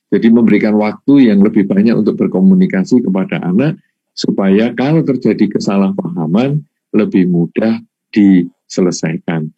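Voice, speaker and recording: A man on an online talk show giving measured advice point by point. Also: on the low side, breathy edge, no echo, muffled recording. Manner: measured, gives points in numbered order. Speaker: panelist answering audience questions.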